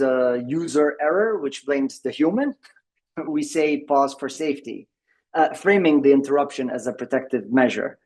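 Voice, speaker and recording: Poor audio carries a man's fairly high, slightly mellow voice as he presents on tech at a members' meeting over a video call. He fills the conference presentation with fillers and restarts.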